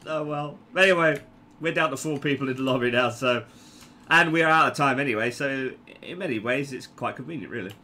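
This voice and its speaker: A man's voice: medium pitch, fairly quick, sharp tone, slight background noise. A man casually commenting on his own gameplay, joking and stammering through restarts.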